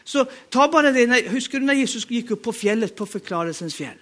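A man's voice: very high voice, expressive, fairly bright tone. A man with a Norwegian accent preaching a sermon, emphatic and urging the congregation to respond.

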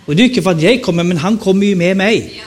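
A man in his fifties with a Stockholm Swedish accent, an evangelist preaching a chatty, joking sermon at a revival meeting and often asking the audience questions. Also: high-pitched. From Sweden. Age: 50s.

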